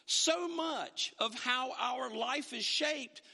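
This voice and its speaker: A man preaching in a church sanctuary, his voice very high and bright. He talks in an animated way, tripping over words and restarting sentences. A long reverb from the hall trails each phrase. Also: drawn-out words, creaky, breathy edge. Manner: animated, with frequent stammered restarts. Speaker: pastor. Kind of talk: sermon.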